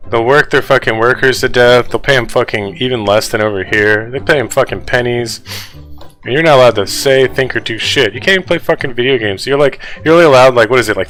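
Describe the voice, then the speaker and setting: A man's voice: mid-range voice, bright, forceful tone, rough recording. A man giving casual, profane reaction commentary on news articles, ranting to his viewers with heavy swearing. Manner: fast, fired-up speech addressed to viewers.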